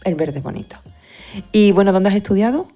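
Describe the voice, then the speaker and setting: A woman's voice: medium pitch, lively intonation, a little fast, warm tone, faint music behind. A woman hosting a science podcast, chatting and asking her guest questions. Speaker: podcast host. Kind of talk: podcast interview.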